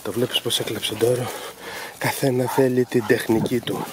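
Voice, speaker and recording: A man's voice: mid-range voice, flat delivery. A man training hunting dogs outdoors, explaining his methods in an instructive, emphatic way. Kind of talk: explaining to camera while working dogs. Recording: loud outdoor noise with barking dogs. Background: dogs barking.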